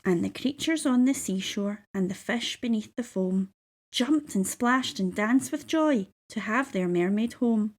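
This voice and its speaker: A woman reading a children's story aloud in measured, rhythmic verse. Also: on the high side, animated. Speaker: storybook reader.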